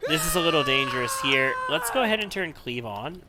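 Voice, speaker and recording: A man's voice: fairly high pitch, expressive, fairly quick, rough recording. A man giving casual, analytical gameplay commentary, sometimes repeating himself as he thinks. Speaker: video game let's player. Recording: faint background noise.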